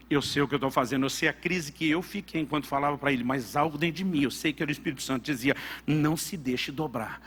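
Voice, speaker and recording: A middle-aged man from Brazil, a pastor telling a personal story in a sermon, swinging from loud bursts to hushed, earnest passages. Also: a little high.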